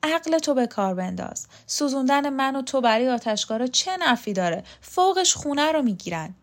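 A woman's voice: high voice, sing-song, pitched above the performer's own voice. Woman reading as a bitter old lady, scornful, biting, proud, storybook voice. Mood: scolding. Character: sharp-tongued elderly woman, bitter and proud.

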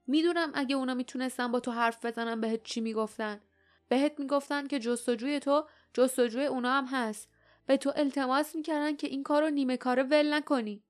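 A woman reading the lines of a stern, guarded male warrior in an audiobook, firm and steady. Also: sits high, pitched above the performer's own voice, close to an everyday voice.

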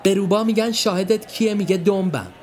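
A man's voice: high voice, a little mellow, voice pushed up, close to an everyday voice. Man doing a hot-tempered teenage girl. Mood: angry. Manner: snappy, indignant.

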